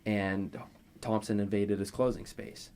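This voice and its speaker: A man talking as a guest basketball analyst, measured and detailed. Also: lowish voice, level tone, a little mellow, clean tone. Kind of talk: sports analysis chat.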